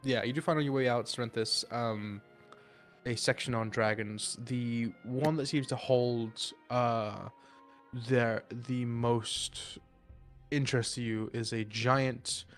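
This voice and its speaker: A man narrating as the game master of a tabletop game, in loose, filler-heavy narration that speeds up in sudden rushes. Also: mid-range voice, steady tone, soft background music.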